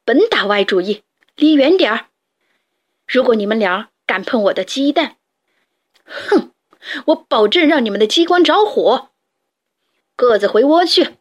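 A woman playing a loud boastful rooster dad. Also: high-pitched, lively intonation, unhurried, slightly rough, full character voice. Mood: angry. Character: proud excitable rooster father, husband.

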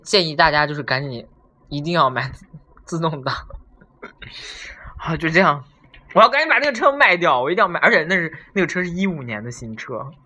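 A man casually telling a story on a podcast, animated and acting out the people in it. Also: mid-range voice, slight background noise. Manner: animated, acts out voices while telling a story.

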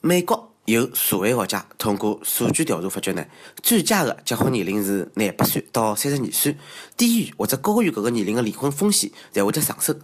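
Animated Shanghainese man doing comedy monologue. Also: medium pitch, brisk, slightly rough. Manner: self-mocking, exclamatory, theatrical asides. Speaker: comedy show host. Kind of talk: comedic monologue on odd news.

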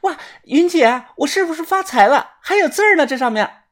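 A woman's voice: on the high side, very animated, moderate pace, slightly rough, pitched above the performer's own voice. A woman voicing a cheerful, greedy young woman with a chirpy manner in a storybook reading. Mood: excited. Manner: bright and chirpy.

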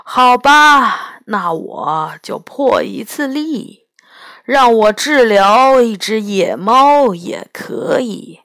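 A woman doing a slow, greedy old healer god. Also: fairly high pitch, animated, fairly bright tone, no room sound, clean studio sound, full character voice. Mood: proud. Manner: slow, proud and drawn out. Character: boastful old man, stingy god of animal healing.

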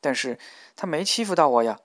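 A man reading as a gentle, worried young woman. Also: a little high, animated, a little fast, dry recording, studio quality.

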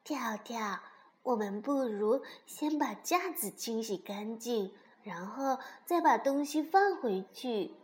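A woman voicing a sensible young rabbit in a storybook who is quick to get annoyed. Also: fairly high pitch, animated. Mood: calm.

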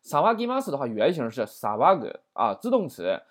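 A man's voice: mid-range voice, wildly swooping pitch, fairly quick. A man teaching a vocabulary lesson in a chatty way, often asking "right?". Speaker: Japanese language teacher.

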